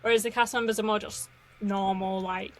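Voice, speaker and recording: Woman, mid pitch, relaxed chatty podcast talk. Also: fairly quick, slight background noise, rough recording. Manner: easygoing, chatty, with fillers. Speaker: podcast co-host. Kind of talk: casual chat.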